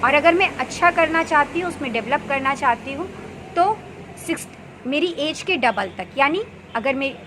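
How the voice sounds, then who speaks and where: A woman in her thirties, a meditation practitioner, earnestly explaining a practice in unhurried casual talk with pauses and fillers. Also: high-pitched, animated, background noise. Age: 30s. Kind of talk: casual spoken advice.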